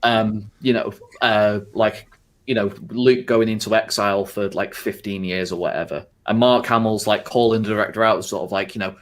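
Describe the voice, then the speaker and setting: A man's voice: fairly low pitch, steady tone, normal speed. A man hosting a casual podcast chat, rambling with constant fillers and frequent swearing. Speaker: podcast host.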